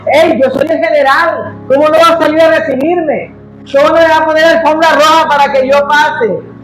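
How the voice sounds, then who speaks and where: A preacher acting out a haughty, indignant general. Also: male voice, very high-pitched, takes it slowly, noisy background, voice pushed up. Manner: haughty, demanding questions. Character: proud, indignant foreign army general, male.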